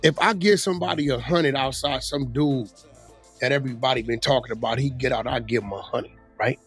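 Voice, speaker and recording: Over background music, a man gives his blunt, slang-heavy take on street gossip, speaking casually and with emphasis. His husky voice sits at a medium pitch with a fairly bright tone, and he talks briskly.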